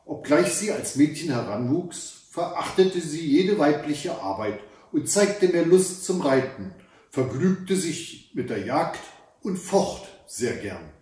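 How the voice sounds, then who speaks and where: A male storyteller reads a fairy tale aloud at an unhurried pace, his pitch moving lively through the sentences. The recording is heavily echoey, as if captured from across a bare room. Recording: echoey room, far from the mic.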